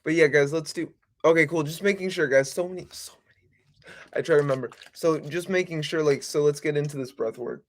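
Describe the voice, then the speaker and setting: A male life coach hosts a livestream in a fairly high voice. He chats informally with viewers, circling back and repeating his points. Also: fast talker. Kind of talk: casual livestream chat.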